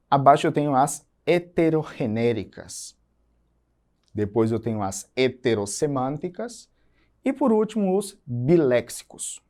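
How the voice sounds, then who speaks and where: A man from Brazil, a teacher giving a recorded lesson, explaining patiently and repeating example words slowly for emphasis. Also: medium pitch, mellow.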